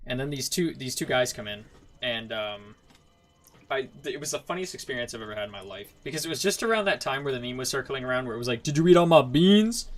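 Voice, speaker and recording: A man's voice: medium pitch, fast. Young man telling work stories. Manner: animated storyteller, acts out customers. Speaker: streamer. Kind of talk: casual chat while gaming.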